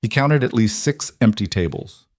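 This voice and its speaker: Low-pitched man for dramatic story narration, dry studio sound. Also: lively intonation, normal speed, a little mellow, no echo. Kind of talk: scripted narration.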